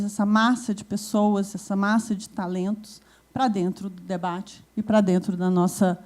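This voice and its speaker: A woman's voice: fairly high pitch, dark tone. A woman giving a university keynote lecture, talking with many fillers and restarts.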